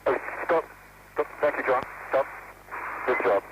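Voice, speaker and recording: A man's voice: mid-range voice, measured pace, dull audio. A man talking as a spacewalking astronaut over the radio, giving clipped procedural callouts. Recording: noisy band-limited spacecraft radio link.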